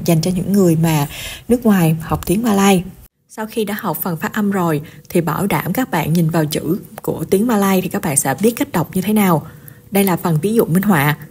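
A woman giving a pronunciation lesson, slowly drilling syllables one at a time and then explaining them plainly. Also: medium pitch, a little mellow, slightly rough. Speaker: language teacher vlogger.

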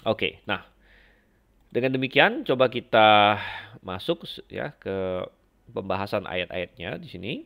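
A man giving a Bible lesson, explaining slowly with frequent fillers and restarts as he compares passages. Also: fairly low pitch, expressive, gravelly, fairly bright tone. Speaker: Bible teacher. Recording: dull lo-fi lecture recording.

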